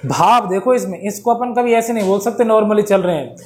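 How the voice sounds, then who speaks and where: High-voiced man teaching grammar playfully. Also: fairly quick. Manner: playful, acts out examples with laughter. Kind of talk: casual classroom lesson. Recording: echoey room with faint background noise.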